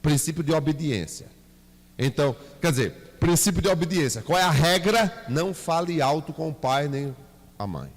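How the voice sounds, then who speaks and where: A man's voice: fairly high pitch, moderate pace. A man with a Bahian Portuguese accent teaching a Bible class, asking the class questions and acting out little scenes. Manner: lively, asks the class questions, acts out scenes with his son. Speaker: church teacher. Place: church hall. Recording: reverberant church hall.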